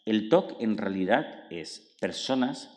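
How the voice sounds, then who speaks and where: A man giving a public book talk as author and psychologist, explaining lively and acting out inner dialogues with many tag questions. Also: lowish voice, takes it slowly. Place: cultural centre hall. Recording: long hall reverb.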